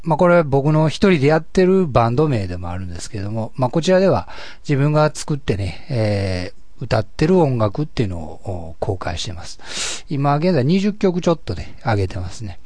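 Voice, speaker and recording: A man with a husky, gravelly voice, chatting casually and politely as a solo podcast host. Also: mid-range voice, very animated, brisk, darkish tone, no room sound. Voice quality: husky, gravelly voice, often taken for having a cold. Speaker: podcast host and amateur musician.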